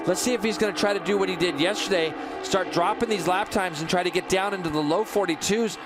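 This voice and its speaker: A man giving live motorsport commentary as the race analyst, excitable and explanatory. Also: sits high, quick pace, rough recording.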